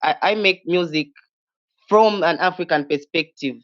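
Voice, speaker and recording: A young man, a rapper, answers hesitantly and fills the gaps with ums. His voice is smooth and a little high, and the recording is dull and lo-fi. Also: normal speed, a bit bright. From Zambia. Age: young adult. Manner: hesitant, filler-heavy. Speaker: rapper guest. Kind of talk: casual interview answers. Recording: dull lo-fi sound.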